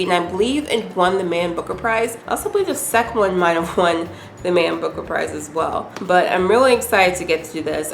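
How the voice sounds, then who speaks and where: A woman's voice: lowish voice, a bit bright. A woman with a cold, chatting casually and upbeat about the books she bought, sometimes unsure how to say a name. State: sick with a cold. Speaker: book vlogger. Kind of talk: casual book haul talk. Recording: echoey room, faint ambient noise.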